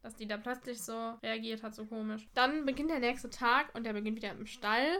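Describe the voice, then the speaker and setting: A young woman with a high, bright voice chats about an episode. She talks very fast and drops ironic asides. It sounds like a relaxed recap between friends. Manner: quick, chatty, ironic asides. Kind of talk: casual chat recapping an episode.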